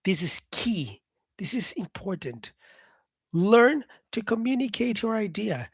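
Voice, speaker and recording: A man's voice: high-pitched, big pitch swings, slow pace, breathy edge, dry recording, clean studio sound. A man from Brazil, an English teacher, chatting casually with live viewers and answering their comments. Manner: casual, upbeat, sprinkles in "yeah". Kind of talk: live-stream chat with viewers.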